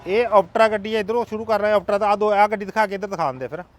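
A man with a Punjabi accent giving an unscripted used-car sales pitch, matter-of-fact, listing details in short bursts. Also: racing, no room sound. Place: outdoor car yard by a road.

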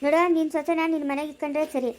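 A woman playing a loud scolding village matron. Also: high-pitched, little pitch movement, close to an everyday voice. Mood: angry scolding. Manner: shouting, abusive, rapid accusations. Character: quarrelsome older village woman, sharp-tongued and scolding.

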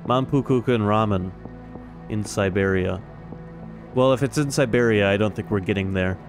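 A male streamer with a lowish voice chats casually as he plays a video game. He talks in dry, wry asides while music plays clearly behind him. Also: moderate pace. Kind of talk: casual let's play commentary. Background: clear game music and sounds.

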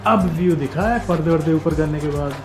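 Relaxed man chatting over loud music. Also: on the high side, fairly quick. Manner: relaxed, offhand remarks mixing in English. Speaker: co-host on a travel vlog. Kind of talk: casual travel vlog chat.

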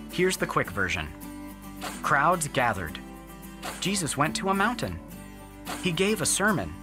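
A friendly narrator telling a Bible story for children, explaining things simply. The pitch moves up and down in a lively way. Music plays clearly underneath.

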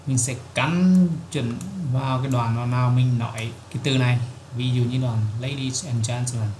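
Man, screen tutorial host, step-by-step explaining, echoey room, clear typing noise. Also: medium pitch, normal speed, a little mellow. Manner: step-by-step explaining, frequent "there" fillers. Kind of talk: screen-recorded software tutorial. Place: at a computer, recording his screen.

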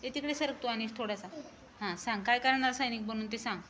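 A woman teacher talks with young pupils in a school classroom. She keeps coaxing and repeating her questions, asking them to speak louder. Her voice sits high, and the room is full of classroom noise behind her. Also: brisk. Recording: noisy classroom ambience.

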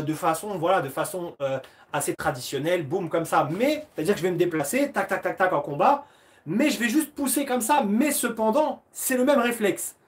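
Lively French man hosting karate live. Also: sits high. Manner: lively, enthusiastic, addresses viewers by name, sound effects like boum and tac. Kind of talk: casual live-stream chat.

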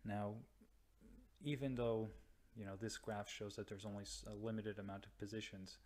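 Narrating over slides, a young North American radiology resident explains his material in a flat, fairly low voice. He's slow and unsure, often saying um and starting sentences over.

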